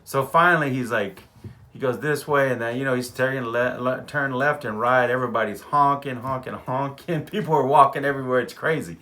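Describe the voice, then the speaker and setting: A man from Texas, an animated storyteller who chuckles often and repeats words in a casual vlog. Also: medium pitch, fairly quick. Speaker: vlogger.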